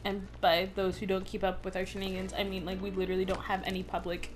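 A woman's voice: medium pitch, completely flat delivery, fast talker, a little hiss or hum. A woman co-hosting a let's play in casual gameplay commentary, chatty and rambling, with game music behind.

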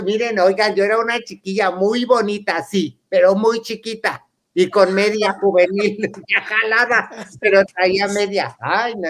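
A man's voice: high-pitched, fairly bright tone, a little hiss or hum. A man with a Mexican accent telling a comic wedding story in a camp, chatty way, often laughing and acting out the voices of the people he quotes. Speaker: comedic storyteller. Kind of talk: comic anecdote told to a live audience.

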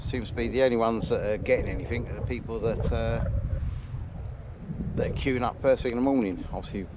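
A middle-aged metal detecting vlogger talks in a mid-range voice at a fairly quick pace, offering casual, matey, colloquial chat from an open field. The windy action camera recording is noisy and has its highs cut off.

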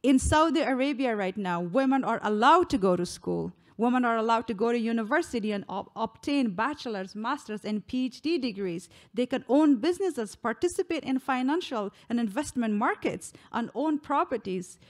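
A woman's voice: on the high side, expressive, normal speed, hardly any pauses. A young woman from Afghanistan giving a read keynote speech into a stand microphone, earnest, with frequent small restarts. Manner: earnest, reading from notes with restarts. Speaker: keynote speaker. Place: indoor room. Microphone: stand mic close to mouth.

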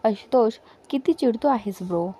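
A friendly young man gently pressing his friend to open up, as a woman reads him. He speaks casually and coaxingly, in a mellow, warm tone. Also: on the high side, animated, moderate pace, breathy edge.

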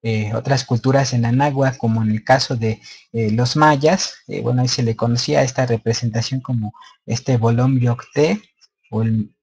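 A man's voice: medium pitch, a little mellow, husky, dull audio. A man presenting a slide lecture in casual unscripted speech, hesitant with many fillers and restarts.

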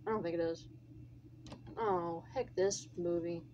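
A woman's voice: fairly low pitch, fairly even intonation, measured pace, darkish tone, lo-fi sound. A young woman chatting casually as she reacts to videos, rambling and repeating herself as she retells what happened. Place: small bedroom. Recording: faint room noise.

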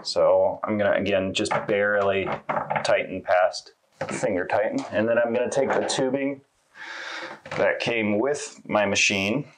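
Man, 30s, lower voice, easygoing how-to demo in a small laundry room. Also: unhurried, noisy background. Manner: relaxed, conversational, with fillers. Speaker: installation demonstrator. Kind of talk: casual how-to walkthrough.

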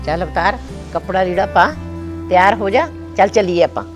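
A woman's voice: fairly low pitch, normal speed, music in the background, close to an everyday voice. A woman playing an older grandmother who talks in a bossy, matter-of-fact way, with a rural Punjabi accent. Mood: firm. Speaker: grandmother of the family.

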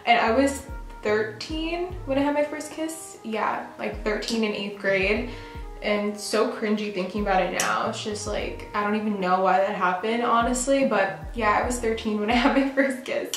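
A woman's voice: fairly high pitch, moderate pace, soft background music. Chatty young woman in echoey bathroom. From New York. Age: young adult. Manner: chatty, lots of "like" fillers. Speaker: beauty vlogger. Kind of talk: get-ready-with-me chat. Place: bathroom at home.

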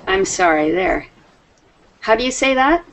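A woman's voice: mid-range voice, lively intonation, unhurried, a bit bright, slight background noise, rough recording. A woman in her fifties teaching an online English class on a video call, patient and friendly with her students, laughing often. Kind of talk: slow, friendly class talk. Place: home room, indoors. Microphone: webcam on video call.

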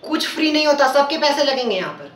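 A man's voice: very high-pitched, big pitch swings, quick pace, fairly bright tone, exaggerated voice. Young man plays a pushy momo vendor, sarcastic comebacks, recorded from a distance in an echoey room. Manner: snappy, sarcastic replies. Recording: roomy, from far off.

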